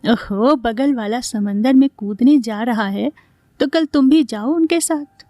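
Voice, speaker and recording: A woman's voice: fairly high pitch, unhurried, dark tone, no room sound, studio quality, soft background music, natural voice. A woman voicing an impatient, scolding older man who heads the family, in a storybook reading. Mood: irritated.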